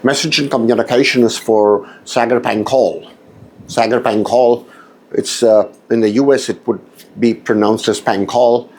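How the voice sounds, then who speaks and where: Male business coach, voice memo, emphatic, repetitive delivery, mid pitch. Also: steady tone, moderate pace, darkish tone, breathy edge. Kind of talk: recorded voice message.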